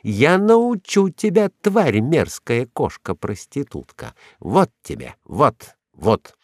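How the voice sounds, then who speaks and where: A man's voice: big pitch swings, slow pace, no room sound, studio quality. Aileen, a man voicing a raging jealous wife. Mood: furious. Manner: shrill, venomous shouting. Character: furious jealous young wife, screaming.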